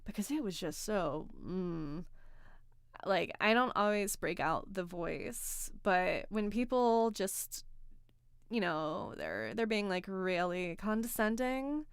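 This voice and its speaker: A woman hosting a livestream in casual chat, sarcastic and animated, reading out chat comments. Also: mid-range voice, slow pace, clear, resonant tone, dry recording, studio quality. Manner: animated, sarcastic, reads chat aloud, swears and laughs. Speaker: livestream host.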